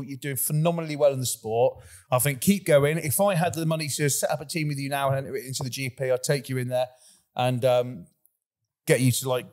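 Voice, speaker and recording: A man's voice: mid-range voice, a little mellow. A man hosting a casual podcast, rambling and repeating words as he starts sentences, often laughing between lines. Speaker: podcast host.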